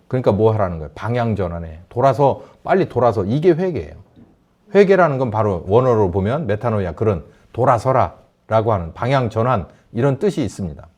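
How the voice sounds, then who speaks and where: A male pastor preaching a sermon, asking the congregation questions and acting out shouted quotes. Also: medium pitch, highs cut off.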